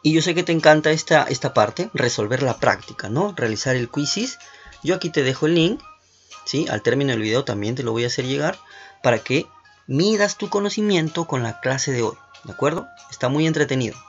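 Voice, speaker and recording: A man's voice: medium pitch, lively intonation, a little fast. A man teaching an online class to schoolchildren, talking them through questions in an encouraging way. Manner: encouraging, asks many questions with tag "¿no?". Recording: dull lo-fi recording with faint music.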